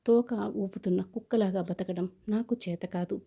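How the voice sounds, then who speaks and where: A woman reading a scornful young groom, husky and dark. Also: mid-range voice, fairly even intonation, moderate pace, muffled recording. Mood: lecturing. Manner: scornful, lecturing. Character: proud defiant young man jilting his bride.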